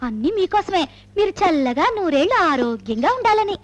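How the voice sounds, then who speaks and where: Fussy, devout wife. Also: female voice, very high voice, big pitch swings, brisk, dry recording. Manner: pleading, complaining, dramatic. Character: devout, fussy young wife, fond of vows. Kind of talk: film dialogue. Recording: music score behind.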